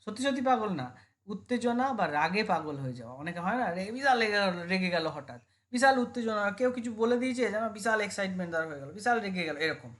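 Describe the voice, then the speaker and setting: A woman with a Bengali accent teaching English idioms for an exam, explaining slowly and asking and answering her own questions. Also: medium pitch, animated, a bit bright. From India. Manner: explains slowly, reads English examples deliberately. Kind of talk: exam-prep idiom lesson.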